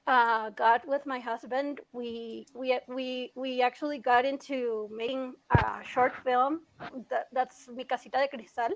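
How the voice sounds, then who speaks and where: A woman's voice: high voice, steady tone, a little slow, background noise. A woman in her late twenties, a guest filmmaker, chatting casually in a podcast interview, laughing often and restarting her sentences. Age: 20s.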